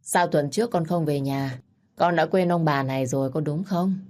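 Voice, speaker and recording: A woman's voice: deep voice, normal speed, warm tone, lightly acted. A woman voicing a playful, affectionate mother who teases her daughter on the phone. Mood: teasing. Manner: playful teasing.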